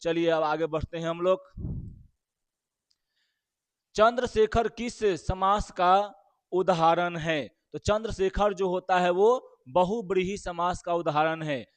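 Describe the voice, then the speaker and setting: High-voiced tutor with a lilt. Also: male voice, clean tone, no echo. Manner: quizzing listeners with rhetorical questions. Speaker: teacher. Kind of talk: exam question walkthrough.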